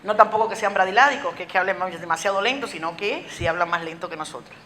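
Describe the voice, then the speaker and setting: A woman with a Cuban accent giving a lively, very fast lecture to teachers, asking many rhetorical questions. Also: lowish voice, crowd noise. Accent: Cuban Spanish. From Cuba. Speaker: conference speaker. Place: school auditorium. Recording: echoey hall with faint noise.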